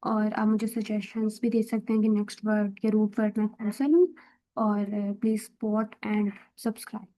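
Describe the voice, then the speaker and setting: Woman tutor explaining words, slips english into hindi-urdu, keeps asking theek hai, soft mellow tone. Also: medium pitch, fairly even intonation, moderate pace, rough recording. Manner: explains patiently, checks in with frequent "theek hai?"; mixes English phrases into Hindi-Urdu talk. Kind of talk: casual explanatory lesson.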